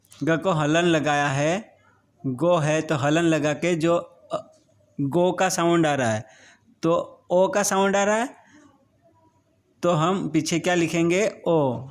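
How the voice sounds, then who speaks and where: A male teacher talks through a grammar worksheet at a very slow, deliberate pace, drawing out each syllable. His voice sits a little high for a man. He keeps pausing to check that students have understood. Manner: slow, drawn-out, checks understanding with repeated questions. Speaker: school teacher. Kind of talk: slow explanatory Hindi grammar lesson.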